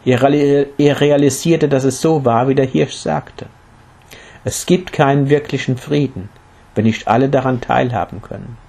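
A man reads a fable aloud in a calm, measured way. His voice is middle-pitched with a husky, slightly breathy grain. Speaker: narrator. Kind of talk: storytelling of a fable.

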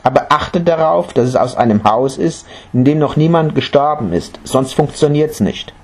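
A man voicing a serene, kindly old sage in a storybook, speaking slowly and calmly. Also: on the high side, slightly rough, pitched above the performer's own voice. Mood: gentle. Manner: slow, calm, gentle. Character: serene old male sage, calm and kind.

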